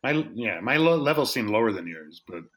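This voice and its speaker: A man's voice: lowish voice, very animated, a little fast, a bit bright. A man co-hosting a casual remote podcast, chatty and joking, with many fillers. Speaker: podcast co-host.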